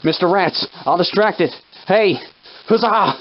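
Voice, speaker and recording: A man's voice: sits high, unhurried, dull audio. A man playing a plucky, loyal army private in a video game, with an old-fashioned folksy soldier's way of speaking. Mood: excited shouting. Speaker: game character companion. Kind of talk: scripted video game character acting, old-time dialect.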